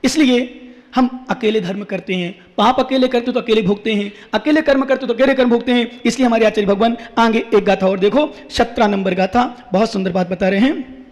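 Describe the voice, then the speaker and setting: A man delivers a sermon as a Jain monk, his voice very high for a man. He presses his points with repetition and rhetorical questions, breaking into chanted scripture verses. The sound carries the long reverb of a large hall. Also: brisk. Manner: emphatic, repeats key phrases, asks rhetorical questions.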